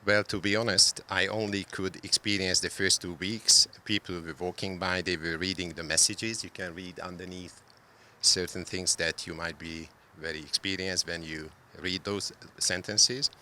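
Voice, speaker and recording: A man gives hesitant, filler-laden interview answers in a very bright, forceful voice. His tone sits low for a man, with a faint hiss of noise underneath. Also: fairly even intonation, moderate pace. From Hungary. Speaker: interviewee, solar art creator.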